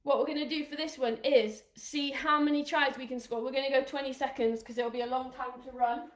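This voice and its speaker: A woman's voice: sits high, steady tone, a little fast. Upbeat woman coaching kids, echoey room. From England. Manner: upbeat, encouraging, counts down aloud. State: out of breath at times. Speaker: children's rugby coach. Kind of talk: live online kids' exercise session.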